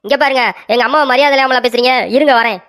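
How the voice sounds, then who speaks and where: A woman's voice: sits high, fairly even intonation, natural voice. A woman voicing a young boy in a cartoon story who begs, pleads and insists he never lies. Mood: pleading. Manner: pleading, fast talking.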